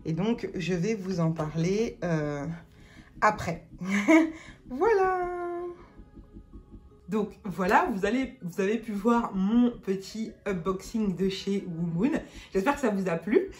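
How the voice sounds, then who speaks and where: Woman, vlogger, unhurried delivery, hesitant, lots of fillers, casual unboxing chat, faint music behind. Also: mid-range voice, a little mellow. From France. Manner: hesitant, many fillers and restarts.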